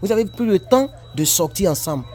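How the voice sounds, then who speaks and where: Faint music plays behind a brisk, high-pitched male voice. He's from Ivory Coast and is reacting to comments in a laid-back, sermon-like vlog recorded on his break from work, sounding animated, repetitive and preachy.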